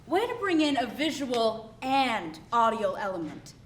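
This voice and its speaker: A woman playing a teasing history teacher in a comedy sketch, talking loudly. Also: fairly high pitch, big pitch swings, measured pace. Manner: loud, teasing. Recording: roomy, distant, noisy.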